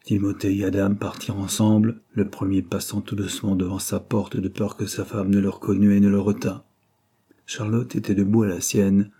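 Male audiobook reader, dark, husky tone, steady. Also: lowish voice, moderate pace. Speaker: audiobook narrator. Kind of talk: scripted narration.

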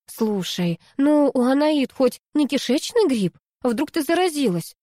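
A woman's voice: high voice, very animated, unhurried, warm tone, dry recording, clean studio sound, pitched above the performer's own voice. A woman reading a story and voicing a worried, caring middle-aged mother on the phone who fusses with anxious questions. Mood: fretting.

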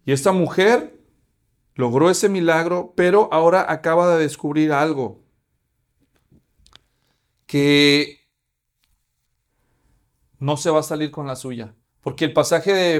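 A man's voice: fairly high pitch, unhurried, long pauses. A man, preaching a sermon as pastor and asking his congregation questions.

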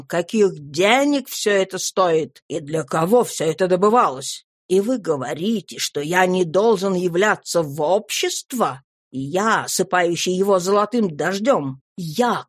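A woman voicing an absent-minded, sulky rich middle-aged businessman in a low, slow mumble in a storybook reading. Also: a little mellow, no room sound, studio quality.

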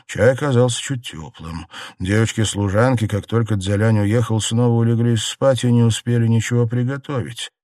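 A man narrating a classic novel as an audiobook in a measured, even reading voice. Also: mid-range voice, no room sound, studio quality.

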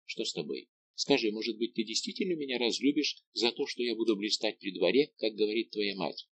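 A man's voice: on the low side, brisk, a bit bright, no echo. A man doing a bossy teasing girl. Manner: insistent and commanding. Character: lively bossy young woman, a teasing friend.

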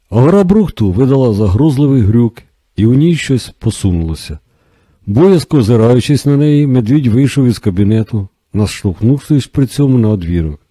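A man narrating an audiobook in a steady, measured reading. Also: medium pitch, breathy edge, no echo. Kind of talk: scripted narration.

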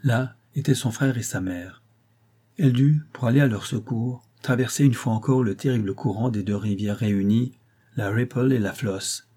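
A male narrator reads a classic novella in a measured, dramatic way. His voice is dark and warm, with a husky grain. He sits at a mid pitch. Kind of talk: audiobook reading of a classic novella.

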